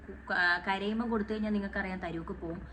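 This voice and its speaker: A woman's voice: medium pitch, steady tone, very fast, bright, forceful tone. A woman chatting casually to her viewers while she cooks at home for her vlog. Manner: chatty, talks straight to viewers as "guys". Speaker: home vlogger. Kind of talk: casual cooking and daily-life vlog. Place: home kitchen. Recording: echoey room, distant mic, background noise.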